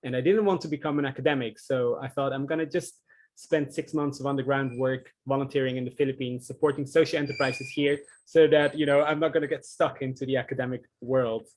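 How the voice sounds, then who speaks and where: A man's voice: mid-range voice, steady tone, quick pace, darkish tone, poor audio. A man, earnestly presenting his social enterprise on a video call, with frequent ums. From Netherlands.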